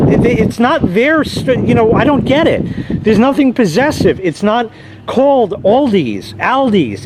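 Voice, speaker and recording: Profane, grumbling man outdoors in loud wind. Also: sits high. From United States. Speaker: vlogger. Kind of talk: casual rambling monologue. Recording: loud wind and traffic noise.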